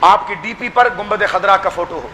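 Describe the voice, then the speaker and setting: Speaking as a pir in a large hall, a man with a Pakistani Urdu accent gives an ardent religious speech, pressing his audience and calling them his children. His voice sits high and is bright and forceful, with a faint hiss or hum behind it.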